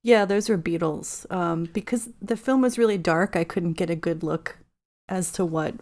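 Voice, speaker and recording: A woman's voice: lowish voice, moderate pace, a little mellow. A woman guest on a casual podcast, an entomologist who explains insects in plain, knowledgeable terms.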